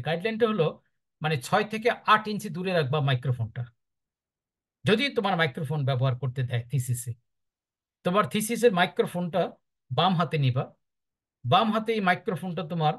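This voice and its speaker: A man with a Bangladeshi accent, a teacher giving firm, emphatic advice to his students in a lecture. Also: high voice. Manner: firm, instructive, lively emphatic delivery.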